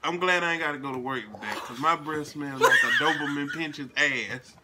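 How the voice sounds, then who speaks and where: A man co-hosting a casual challenge video at home, talking in loud, profane, joking banter. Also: a little high, moderate pace, very noisy. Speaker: vlogger's husband, co-host. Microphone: phone.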